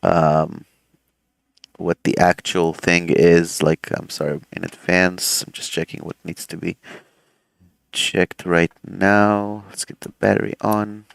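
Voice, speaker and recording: A man with a low, slow voice and some vocal fry, recorded dry, streams a flight simulator session. He's an airline pilot chatting casually and rambling with lots of fillers as he runs cockpit checks, and his throat sounds slightly swollen.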